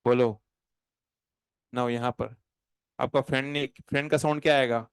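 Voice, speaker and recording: A man teaching chemistry to a class. He talks in an animated, playful way and slows right down when he dictates notes. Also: mid-range voice, creaky, smooth, dry recording. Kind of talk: classroom lecture. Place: classroom with students.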